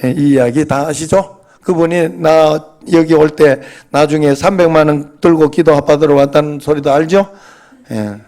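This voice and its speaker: A man's voice: a little high, fairly even intonation, normal speed. A male pastor, giving a sermon in a chatty, joking way and often asking the congregation "eh?". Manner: grows louder and more emphatic when preaching on scripture.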